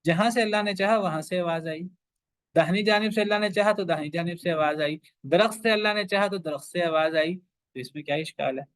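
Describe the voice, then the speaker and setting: A man's voice: high voice, fairly bright tone, no room sound. Emphatic male teacher, rhetorical questions. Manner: emphatic, asks rhetorical questions and repeats phrases. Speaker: Quran teacher. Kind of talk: religious lecture to a class.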